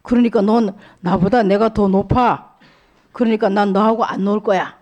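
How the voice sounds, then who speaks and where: A woman voicing a boastful little boy in a children's story, speaking slowly in a taunting child voice. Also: medium pitch, steady tone, darkish tone, muffled recording, close to an everyday voice. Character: boastful little boy Dori, teasing and smug.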